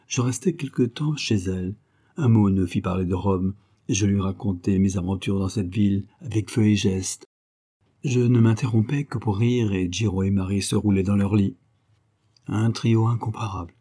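A man narrating a literary diary as an audiobook reader, in a measured, expressive reading. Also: on the low side, husky.

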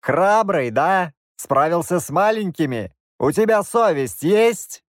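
Brief: male narrator as a sneering Roma heavy, calm threat, lively swings in pitch, dry audiobook. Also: takes it slowly, no room sound. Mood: mocking. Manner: mocking, calm, drawn out. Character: grim middle-aged male Roma, mocking and menacing.

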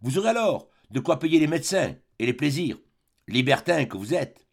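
A man's voice: fairly high pitch, sing-song, normal speed, breathy edge, exaggerated voice. A man voicing a fierce, jealous old spinster woman who scolds in a brusque, bossy way. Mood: scolding.

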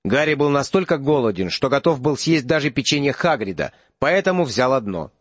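A man narrating an audiobook, steady and even. His voice sits mid-range. The sound is dry and close, a little dull and lo-fi. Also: mid-range voice, brisk, no echo. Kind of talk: scripted narration.

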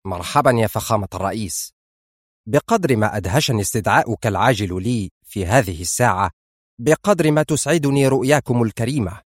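A man voicing a smooth, fawning and cunning male spy in an audiobook, polite and insistent. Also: on the low side, expressive, quick pace, no room sound, studio quality. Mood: sly, insistent. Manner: ingratiating and cunning. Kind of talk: audiobook character voice.

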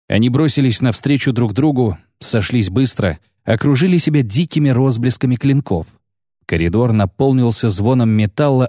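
A man narrating an audiobook in a steady, measured way. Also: medium pitch, no room sound, studio quality. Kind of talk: scripted narration.

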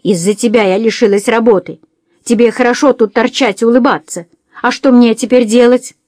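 A woman voicing a hot-tempered young waitress who shouts and threatens in a shrill, raised voice. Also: moderate pace, dry recording, clean studio sound, lightly acted. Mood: bitter.

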